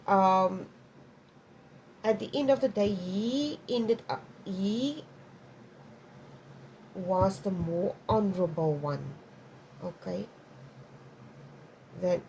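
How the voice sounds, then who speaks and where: A woman with a mellow, medium-pitched voice, heard on a rough recording with slight background noise. Her first language is Afrikaans, and she rambles through an intuitive tarot reading, restarting often and checking in with "okay?" again and again.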